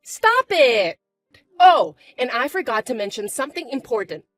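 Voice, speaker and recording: A woman voicing a spiteful, bossy young stepsister who talks in a shrill, mocking, shouty way. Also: sing-song, normal speed, dry recording, faint music behind. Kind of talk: chat-story voice acting.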